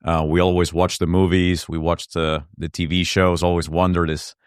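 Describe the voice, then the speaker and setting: A man from Argentina, whose first language is Spanish, speaks with an extremely deep, smooth and resonant voice. He tells his story in an earnest, reflective way, and the sound is close and dry. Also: flat delivery, normal speed, no echo. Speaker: entrepreneur guest. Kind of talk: conversational interview.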